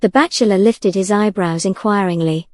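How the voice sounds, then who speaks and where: A woman narrating an audiobook in an even, measured reading. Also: medium pitch, dry recording. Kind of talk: scripted narration.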